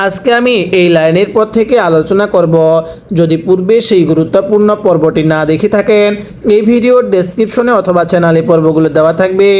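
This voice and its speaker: A man with a fairly high voice leads a recorded Quran reading lesson. He spells out each syllable patiently, stretching the sounds slowly so learners can repeat them after him. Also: darkish tone, a little hiss or hum. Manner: patient step-by-step instruction.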